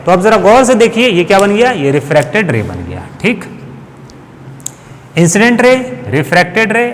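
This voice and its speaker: A man's voice: sits high, in a large hall, slight background noise. A man teaching a physics lesson to school students, explaining step by step and asking and answering his own questions, speaking. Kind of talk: classroom lecture.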